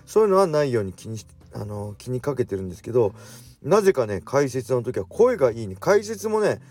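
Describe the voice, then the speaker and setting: A man in his forties hosting a casual solo radio talk, drifting faster as he goes and correcting himself mid-phrase. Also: mid-range voice, sing-song, a little mellow. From Japan. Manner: speeds up as he talks, with self-corrections. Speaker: radio show host.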